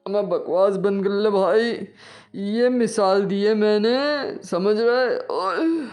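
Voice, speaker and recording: A performer voicing a rude, grumpy old man with a stomach ache in a comic audio story, talking gruffly. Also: medium pitch, darkish tone, close to an everyday voice. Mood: grumbling. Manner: gruff, rude, calls people "abe".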